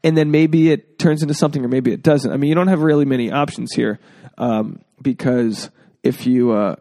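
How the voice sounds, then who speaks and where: A man's voice: mid-range voice, normal speed, warm tone. A man hosting an advice podcast in a casual, rambling way, with jokey asides. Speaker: podcast host. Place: indoors at home.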